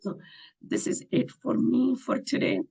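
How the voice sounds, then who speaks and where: A hoarse man losing his voice, hosting a halting market analysis with frequent ums. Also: very high voice, flat delivery, a little mellow, rough recording. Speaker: trading channel host.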